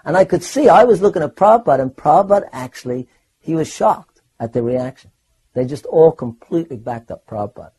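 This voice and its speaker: An older man recounting personal memories in a rambling, animated way, often restarting his sentences. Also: on the high side, fairly quick, breathy edge, poor audio. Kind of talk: personal anecdote storytelling.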